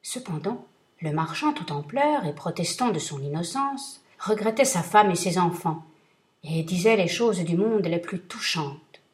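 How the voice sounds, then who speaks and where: A woman narrating a classic tale in a steady, measured reading voice. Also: fairly low pitch. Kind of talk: storybook reading.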